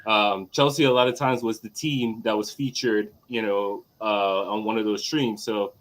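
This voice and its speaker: A man's voice: on the low side, fairly even intonation, moderate pace, fairly bright tone. A man in his thirties from Trinidad, a guest chatting casually with many fillers and easy laughs. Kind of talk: casual chat.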